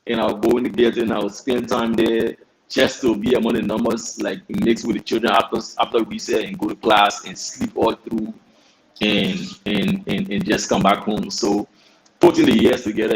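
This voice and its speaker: Earnest man, low voice. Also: gravelly, slight background noise, rough recording. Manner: halting, repeats words, earnest storytelling. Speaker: guest. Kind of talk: personal testimony in a talk show interview.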